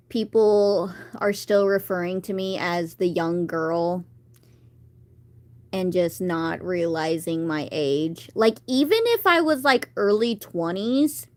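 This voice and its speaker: A woman in her thirties from the United States chats casually on a live stream, rambling about her day and answering viewers. Her voice is fairly low-pitched with a darkish tone.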